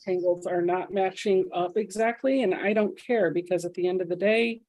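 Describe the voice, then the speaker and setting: A woman's voice: lowish voice, steady tone, moderate pace, darkish tone, dry recording, low-quality recording. A woman in a casual sewing chat, matter-of-fact as she explains her quilting plans. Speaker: quilter co-host.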